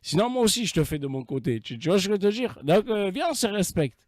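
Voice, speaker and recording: A man's voice: high-pitched, very animated, quick pace, dry recording, studio quality. A man hosting a casual livestream, teasing and crude, laughing often as he talks. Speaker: livestream host.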